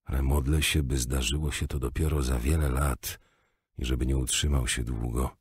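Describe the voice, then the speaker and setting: A man reading an audiobook voices an old male scholar who explains things in a measured, gentle way. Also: extremely low pitch, fairly even intonation, husky, no echo, studio quality, voice pushed down, heavily acted. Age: older. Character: old male maester, patient and learned.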